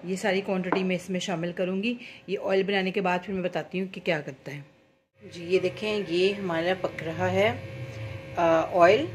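A woman who runs a beauty salon stands at her kitchen stove, chatting step by step through a homemade hair oil recipe like a cooking tutorial, with small fillers as she works. Her lowish voice holds a fairly even intonation at normal speed. A little hiss or hum is audible.

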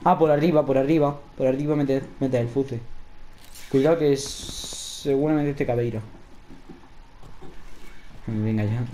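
A man's voice: mid-range voice, fairly even intonation, unhurried, long pauses, mellow, slight background noise. A man with a Spain Spanish accent chatting casually and exclaiming while he comments on a video game. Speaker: gameplay commentator. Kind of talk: casual chat over gameplay.

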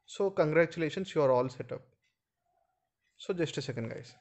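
A man with an Indian accent hosts an informal screen-share tutorial, explaining each step and often speaking directly to his viewers. His voice is on the high side and darkish in tone, with lively intonation and a normal pace.

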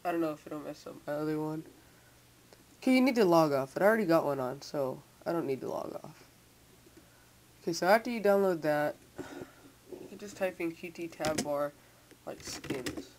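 A teenager makes a casual, unscripted screen tutorial indoors at a computer, stumbling over and repeating words. A mouth sore from freshly tightened braces slightly hampers his speech. His mid-range voice moves at a moderate pace with frequent pauses, captured by a hissy, noisy home microphone.

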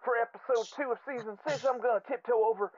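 A man leaving a voicemail over a landline phone, rambling excitedly in a play-by-play with exclamations and stammered restarts. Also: very high-pitched, quick pace. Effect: heard over a landline phone as a played voicemail. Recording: tinny phone line with faint hiss.

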